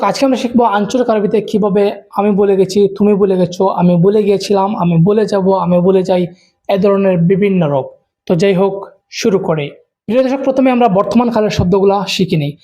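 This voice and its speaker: A man teaching spoken Arabic to Bangla speakers, repeating each phrase slowly and translating it. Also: high voice, dark tone. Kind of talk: language lesson.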